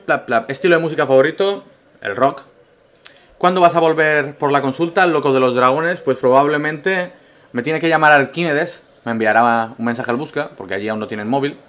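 A man from Spain, a gaming YouTuber, answering viewer questions in a casual vlog with absurd jokes and a Spanish accent. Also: a little high. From Castellón, Spain. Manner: joking, absurd humor, swings between loud bursts and mumbled asides.

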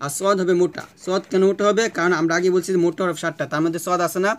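A man's voice: high voice, steady tone, rapid-fire. A Bangladeshi Bengali-accented man teaching Quran pronunciation, patiently repeating letter sounds and asking rhetorical questions. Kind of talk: classroom lesson.

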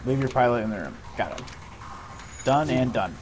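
A man's voice: mid-range voice, expressive, normal speed, a little hiss or hum. A young man giving casual, sweary live commentary as he streams a game, often muttering to himself. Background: video game music.

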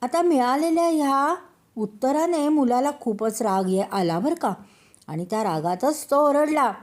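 Slow gentle grandmother telling kids a story. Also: sits high, lively intonation. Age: older. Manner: slow, gentle, addresses children directly. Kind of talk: children's storytelling.

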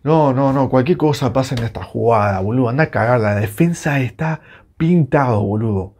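A Uruguayan man with a Rioplatense accent, reacting live to a football match with excitable, swearing rants. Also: medium pitch, brisk, slightly rough. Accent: Rioplatense Spanish. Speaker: football fan reacting on his channel.

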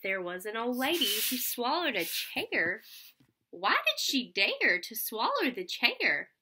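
A young adult woman takes her time reading a picture book to children in a slightly high, sing-song voice that's sharp and husky. She explains simply and asks the kids questions. It's captured indoors, in a small furnished room at home, by a webcam about an arm's length away.

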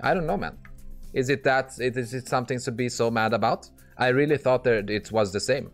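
A man's voice: medium pitch, fairly quick, soft background music. A man commentating live as he plays online poker, blunt and exasperated, swearing and restarting his sentences often. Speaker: poker streamer.

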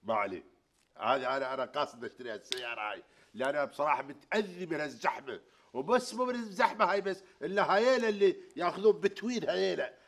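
A man, his voice high and his speech rapid. As the comic lead of a sitcom he boasts and launches into rants. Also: expressive, a bit bright. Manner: boastful, quick to rant. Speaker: comedy lead. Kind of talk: sitcom acting.

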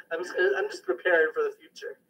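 A man's voice: fairly high pitch, fairly even intonation, fairly quick, a bit bright, far from the mic, slight background noise, poor audio. A young man casually introducing his mixtape tracks, joking and boasting, getting over a sickness. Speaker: amateur rapper presenting his mixtape.

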